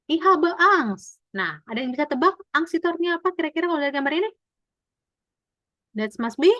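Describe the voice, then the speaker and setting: A woman's voice: high voice, animated, quick pace, no room sound, dull audio. A woman teaching German in an online class over a video call, explaining patiently, mixing in English and quizzing her students.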